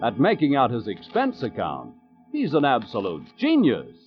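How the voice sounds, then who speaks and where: A man's voice: medium pitch, wildly swooping pitch, moderate pace. A man performing as a theatrical announcer introducing a 1940s radio drama. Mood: showy. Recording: muffled old radio recording, loud music.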